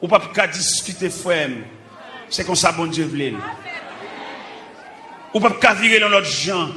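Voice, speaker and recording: A Haitian man preaches with fervor, shouting his sermon in short, punchy bursts. His voice sits high and he takes his time. He is recorded in a roomy, echoing church with the congregation and steady noise behind him. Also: a little slow, a faint crowd.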